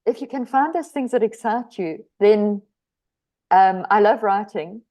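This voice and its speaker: Mellow-voiced South African woman author. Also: mid-range voice, measured pace. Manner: hesitant, many restarts, laughs easily. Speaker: author guest. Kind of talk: podcast interview.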